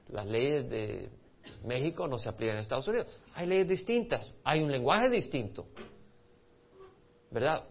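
A man from El Salvador, a pastor, teaches a Bible study in a conversational manner with a Salvadoran Spanish accent. His voice is husky and medium-pitched. He asks the audience questions and restarts words, and the recording is dull and lo-fi.

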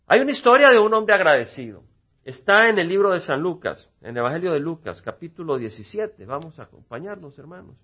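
A male pastor preaches a sermon in a husky, slightly raised voice. He swings from loud emphasis to quiet asides and acts out small dialogues along the way. The recording sounds dull and lo-fi. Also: a little high, very animated, brisk. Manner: acts out little quoted dialogues.

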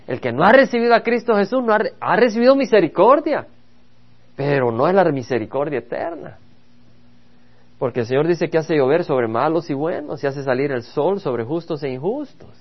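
A man's voice: on the high side, dull audio. A man, a pastor, leading a Bible study sermon, reading scripture aloud and preaching with rising emphasis.

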